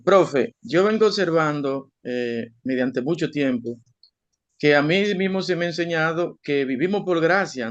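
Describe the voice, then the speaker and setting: Hesitant male student on dull call audio. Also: fairly high pitch. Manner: hesitant, with many fillers and restarts. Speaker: student in a Bible class. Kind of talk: class discussion comment.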